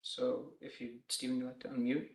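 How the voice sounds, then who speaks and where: A man moderating a virtual workshop, briskly handing out turns with some hesitant fillers. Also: mid-range voice, monotone, vocal fry. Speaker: workshop facilitator. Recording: echoey room.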